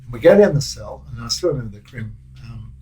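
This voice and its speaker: An older Australian former prison officer recalling stories in a loose, rambling way with plenty of restarts. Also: male voice, medium pitch, lively intonation, quick pace, dark tone, rough recording. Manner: rambling, broken anecdotes with many restarts. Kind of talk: casual recollection.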